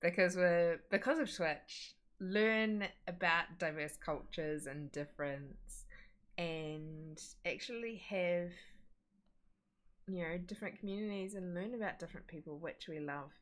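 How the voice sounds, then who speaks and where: A woman's voice: on the low side, a little slow. A woman co-hosting a livestream, talking casually in a friendly, chatty way. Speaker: livestream co-host.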